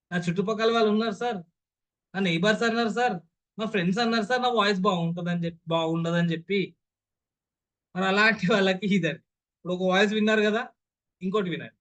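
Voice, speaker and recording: This man's voice sits high and has a slightly bright quality. He's a voice modulation trainer running an interactive online class over a video call, repeatedly posing questions to his listeners and saying them again.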